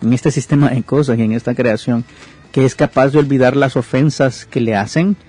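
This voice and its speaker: A man's voice: medium pitch, fairly even intonation, a little fast, a little mellow, soft background music. A man giving pastoral counsel on a podcast, teaching conversationally about forgiveness and retelling and reading a parable aloud with explanatory asides. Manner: reads verses aloud.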